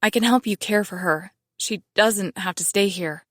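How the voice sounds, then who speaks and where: A man's voice: high-pitched, animated, normal speed, fairly bright tone, no echo, clean studio sound, voice pushed up. A man voicing a fierce, ruthless young blonde woman in an audiobook, cold and threatening as she swears. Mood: pleading. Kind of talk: audiobook narration.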